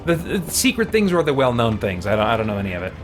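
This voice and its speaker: This man's medium-pitched voice is very animated and quick. He's livestreaming a game through a headphone streaming setup, game music playing, and rambles casually to his viewers with a playful, self-mocking humor.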